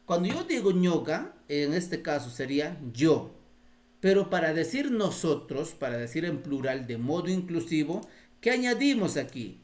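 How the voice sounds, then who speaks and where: A man's voice: fairly high pitch, big pitch swings, moderate pace, darkish tone. A man with a Peruvian Spanish accent teaching Quechua grammar to teachers in a live class, patiently explaining and quizzing the group.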